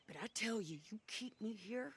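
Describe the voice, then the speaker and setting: A fiery frontier widow. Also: female voice, fairly high pitch, lively intonation, normal speed, slightly rough, heavily acted. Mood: angry. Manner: blunt and scornful. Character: tough, fiery frontier widow, young woman. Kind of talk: video game acting. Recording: loud game music underneath.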